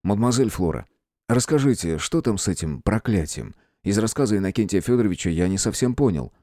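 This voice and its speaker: Guy reading as polite stern old-style detective, mellow voice, dry sound. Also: lowish voice, lively intonation, no room sound, natural voice. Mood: firm. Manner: measured, courteous, formal. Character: calm, firm gentleman detective of old times. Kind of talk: audiobook character voicing.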